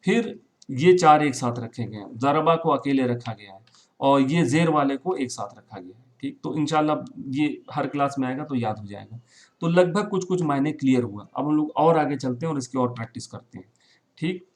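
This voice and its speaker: A man's voice: medium pitch, animated. A man teaching Arabic verbs in Urdu, mixing in English words, repeating forms and often checking with "right?". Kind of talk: classroom-style recorded lesson.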